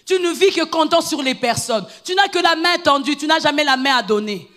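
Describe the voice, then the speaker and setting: A woman preacher giving a fervent sermon in church, moving between low, hushed stretches and loud, repeated calls to her congregation. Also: expressive, fairly quick. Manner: fervent, repetitive, shouting exhortations.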